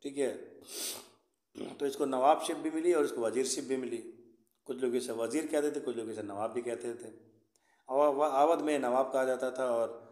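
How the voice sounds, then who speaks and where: Male history tutor, mid-pitched, patient explaining voice, recorded in an echoey room. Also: steady tone, normal speed, darkish tone. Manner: repeats "theek hai", mixes English words. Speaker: history teacher. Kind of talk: explanatory lesson.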